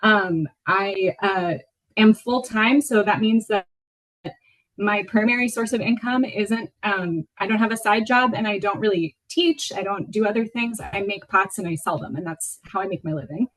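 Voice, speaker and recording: A woman in her thirties from Venezuela gives a casual lecture over a video call, relaxed, with fillers and soft trailing endings. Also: medium pitch, moderate pace, rough recording. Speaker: guest lecturer, potter. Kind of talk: casual presentation.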